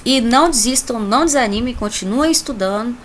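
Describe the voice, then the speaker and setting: A woman's voice: a little high, expressive, a little fast, slight background noise. A woman teacher with a Brazilian Portuguese accent, recording an online class from home, chatty and explaining with many tag questions.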